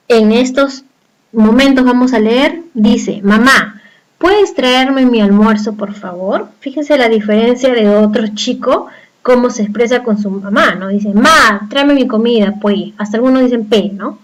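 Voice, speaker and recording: In this low-quality recording, a woman from Peru speaks in a slightly high, somewhat mellow voice with a Peruvian Spanish accent. She is teaching a recorded class, explaining things step by step and frequently asking her students rhetorical questions.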